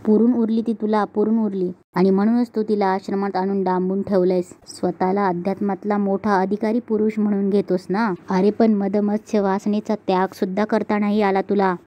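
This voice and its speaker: A woman's voice: mid-range voice, flat delivery, moderate pace, hardly any pauses, highs cut off, lightly acted. A woman reading a defiant devout father. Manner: defiant, preachy.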